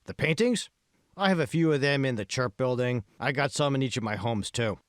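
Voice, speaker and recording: Animated and brisk, a man with a mid-range natural voice, pushed up, performs audiobook dialogue as a smug, self-assured tech billionaire who is a patron of art. He explains and presses his argument smoothly and confidently. The studio sound is clean, with no echo.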